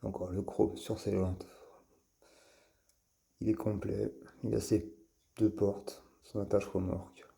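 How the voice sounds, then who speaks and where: A man hosting his own channel, presenting toy cars in a casual, halting way with many fillers and restarts. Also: fairly low pitch, little pitch movement, vocal fry, dark tone. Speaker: toy car collector and channel host. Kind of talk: casual show-and-tell vlog.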